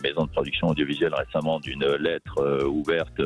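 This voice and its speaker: Deep-voiced man in a radio debate. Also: flat delivery, fairly quick, faint music behind. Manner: hesitant, many restarts and fillers. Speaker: documentary journalist and debate guest. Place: radio studio.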